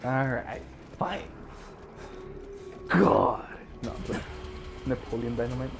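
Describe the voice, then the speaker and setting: A man's voice: mid-range voice, takes it slowly, creaky, background noise. A young man streaming a game, chatting casually and rambling with lots of swearing and fillers. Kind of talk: casual chat while streaming gameplay.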